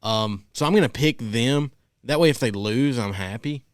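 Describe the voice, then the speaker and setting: A man on a sports talk panel giving his pick in a low-key, dry, wry way. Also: moderate pace, smooth, dry recording. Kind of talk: casual sports talk, making picks.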